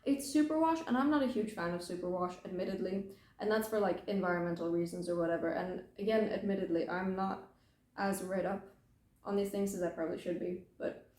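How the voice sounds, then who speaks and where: A young British woman hosts a knitting podcast from home, chatting casually in a rambling, self-deprecating way full of filler words. Her medium-pitched voice is a little mellow and fairly quick, in British English, with roomy echo on the recording.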